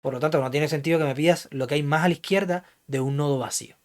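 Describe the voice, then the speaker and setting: A male lecturer explaining code to a class, pausing often to check that students follow and putting questions to them. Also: a little high. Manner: keeps checking understanding with "¿ya?" and "¿entiendes?"; thinks aloud, hedging what he recalls. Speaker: programming lecturer.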